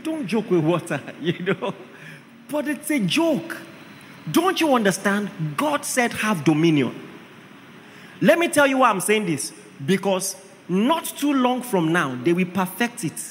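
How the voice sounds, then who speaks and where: Male preacher, high and animated, emphatic sermon with repeated rhetorical questions, long hall reverb. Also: a little slow, slight background noise.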